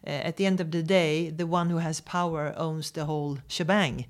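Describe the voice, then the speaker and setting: A man's voice: fairly high pitch, steady tone, normal speed. A man interviewing a guest, asking questions in a hesitant way with many fillers. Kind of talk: conversational interview.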